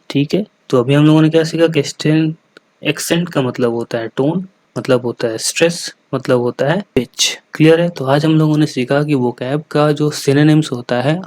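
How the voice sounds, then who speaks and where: A man's voice: mid-range voice, darkish tone, dry recording. Dry-voiced man teaching an English lesson. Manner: explains slowly, repeats checks with the class, spells words letter by letter. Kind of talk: classroom-style lesson.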